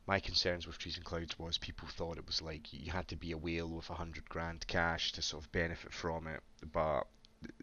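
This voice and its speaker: A man's voice: sits low, little pitch movement, moderate pace, hardly any pauses, bright, forceful tone, dull audio, slight background noise. A man hosting a casual crypto Q&A, rambling with many stammered restarts and a slight cough. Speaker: crypto AMA host. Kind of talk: casual live Q&A chat.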